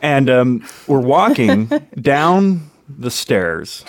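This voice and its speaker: A man's voice: mid-range voice, very animated, extremely slow, no room sound. A jokey man co-hosting a casual chat. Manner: jokey, playful. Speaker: co-host.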